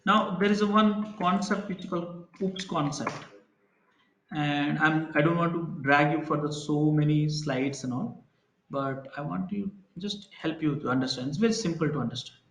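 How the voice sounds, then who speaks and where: Male instructor, slightly high voice, echoey room, explains with simple examples and quizzes students. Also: normal speed, fairly bright tone. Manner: explains with everyday examples, asks students questions. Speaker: programming instructor. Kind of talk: live online class lecture.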